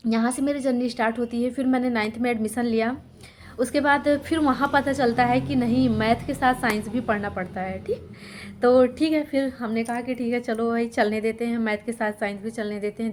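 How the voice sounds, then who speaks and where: A young teacher and YouTuber from Sultanpur district in Uttar Pradesh, India, tells her viewers her life story in a relaxed, chatty way, checking in with them often. Her voice is slightly high and somewhat mellow, with a little background noise.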